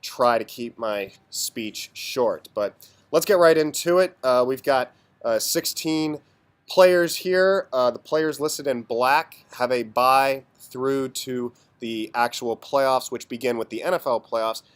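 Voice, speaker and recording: A man with a hoarse, under-the-weather voice hosting a casual video announcement of standings as a league commissioner, in an informal, mock-official sports announcer manner. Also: mid-range voice, slow pace. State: hoarse, sick. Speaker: fantasy football league commissioner and host.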